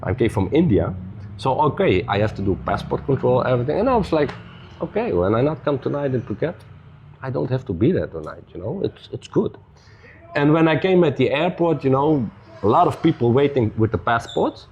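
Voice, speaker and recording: A man speaking as a podcast guest whose pitch rises and falls in lively swings as he tells a story. His English is loose and non-native, peppered with "you know," and his manner stays easygoing and upbeat. He is a middle-pitched, casual storyteller. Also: fairly quick, lo-fi sound, slight background noise.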